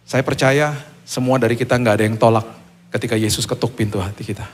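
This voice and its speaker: A man preaching a sermon, telling a personal testimony in an animated way and acting out the dialogue. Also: quick pace, soft background music. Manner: animated storytelling, acting out dialogue with big pitch jumps. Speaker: pastor.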